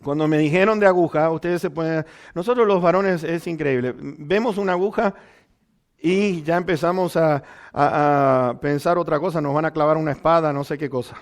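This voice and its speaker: High-voiced man preaching a testimony. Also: moderate pace. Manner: storytelling with many restarts and fillers. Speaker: pastor. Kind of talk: sermon with personal testimony.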